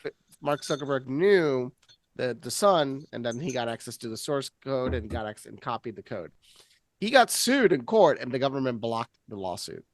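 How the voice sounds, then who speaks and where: A man arguing insistently and quickly in a casual podcast chat. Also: mid-range voice, very animated, no room sound. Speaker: podcast guest.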